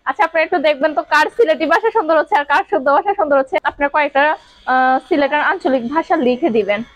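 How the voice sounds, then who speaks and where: A woman's voice: high-pitched, quick pace, dry recording. A woman vlogger from Sylhet chatting casually and talking straight to her viewers. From Sylhet, Bangladesh. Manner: chatty, addresses viewers directly. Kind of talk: casual family vlog chat.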